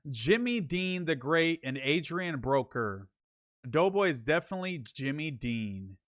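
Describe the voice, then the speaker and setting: A man's voice: on the high side, sing-song, measured pace, fairly bright tone, no room sound. A young man hosting a casual livestream, reading viewer comments aloud and reacting with slangy jokes. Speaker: podcast host reading chat.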